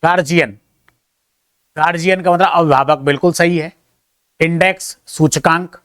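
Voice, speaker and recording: A man with a somewhat higher voice works through exam questions, reading each option aloud and then giving his verdict. He drops in modest, chatty remarks to his students between answers. The sound is dry and close, with almost no room in it. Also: fairly even intonation, normal speed, a bit bright, dry recording. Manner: self-deprecating, chatty asides to students. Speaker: teacher. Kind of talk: exam answer-key walkthrough.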